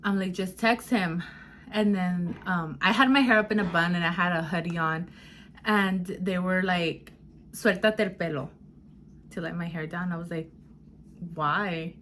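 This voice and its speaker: A woman's voice: on the low side, fairly even intonation, moderate pace, fairly bright tone, slight background noise. A young woman vlogger telling a casual story, rambling with lots of fillers and slipping into Spanish.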